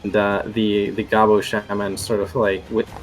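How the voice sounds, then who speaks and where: A man's voice: lowish voice, monotone, moderate pace, faint music behind. A man narrating as game master of a tabletop game, rambling with many fillers and restarts.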